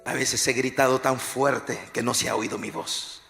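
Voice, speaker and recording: A man preaching an energetic sermon as a pastor, swinging from shouted war cries to hushed near-whispers, joking with the congregation and leading call-and-response. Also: mid-range voice, normal speed, gravelly, soft background music. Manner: jokes with the congregation. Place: large church hall. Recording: echoey church hall, live recording.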